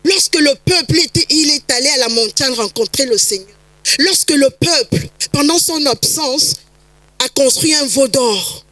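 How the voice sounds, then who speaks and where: A woman pastor preaching a sermon, emphatic, with repetitions and sudden rises to near shouts. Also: high voice, expressive, normal speed, no echo, low-quality recording.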